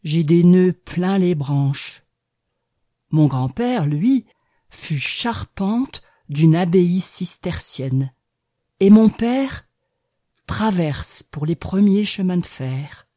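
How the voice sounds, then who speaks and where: A woman's voice: lowish voice, expressive, drawn-out words, warm tone, no room sound, studio quality, full character voice. A woman doing a proud old oak tree. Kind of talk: audiobook reading.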